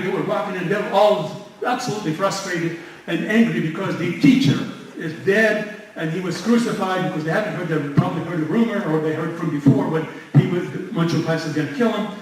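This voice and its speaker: High-voiced man lecturing in an echoey hall. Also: a little fast. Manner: conversational, searching for words. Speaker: mosque speaker. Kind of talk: religious lecture. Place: mosque hall. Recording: very echoey hall, far mic.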